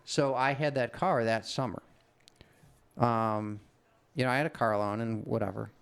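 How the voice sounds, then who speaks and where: A man's voice: mid-range voice, fairly even intonation, normal speed, gravelly, clean tone. A middle-aged man casually telling a long, rambling anecdote on a podcast, swearing freely. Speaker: podcast co-host. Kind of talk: casual storytelling chat.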